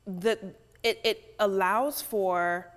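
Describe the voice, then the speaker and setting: Woman guest from bridal beauty, relaxed chat, recorded in a reverberant space. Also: mid-range voice, extremely slow. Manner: conversational, often adds "right?". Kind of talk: casual chat.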